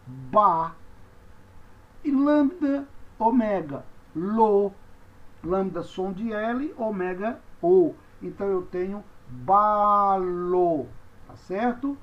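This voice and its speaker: A man's voice: high-pitched, animated, measured pace. A man teaching a language lesson, patiently spelling out letters and repeating each word. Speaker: Greek teacher. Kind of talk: classroom lecture. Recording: dull lo-fi recording.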